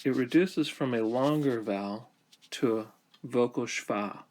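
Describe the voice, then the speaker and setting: Man, language teacher, unhurried delivery, pauses between phrases, explanatory lesson. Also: mid-range voice, a little mellow. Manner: slow, deliberate, pausing between phrases.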